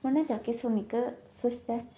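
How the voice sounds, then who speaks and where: High-voiced woman casually retelling a story. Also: moderate pace, dark tone. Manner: rambling, heavy filler words. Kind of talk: casual spoken plot retelling.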